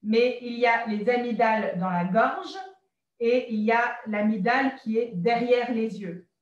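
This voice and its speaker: A woman teaching vocabulary slowly, repeating each word and adding short hesitant asides. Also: on the high side, reverberant, lo-fi sound. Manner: repeats words twice, adds short asides and hesitant fillers. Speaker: French teacher.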